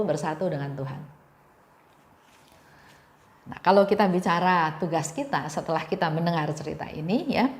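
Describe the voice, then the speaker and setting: Female devotional speaker, storytelling tone, mid pitch, reverberant room. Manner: gentle storytelling with repeated phrases. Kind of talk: reflective devotional talk.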